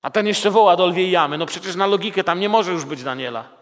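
A man with a rather high voice preaches a sermon, retelling the story with vivid detail and turning often to his listeners. His words ring out with a long hall reverb behind them. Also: fast, a bit bright.

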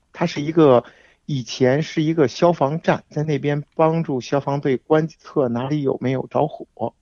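A man as the guest on a radio talk show, explaining things in a measured way with frequent fillers. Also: medium pitch, vocal fry, a little mellow, dry recording, lo-fi sound. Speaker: guest hiking expert. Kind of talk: casual radio interview.

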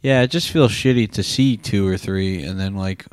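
Young male co-host, lowish voice, wry laid-back banter, dry mic. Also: moderate pace, clear, resonant tone, no room sound. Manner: joking, self-deprecating, laid-back. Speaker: podcast co-host. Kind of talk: casual film review chat.

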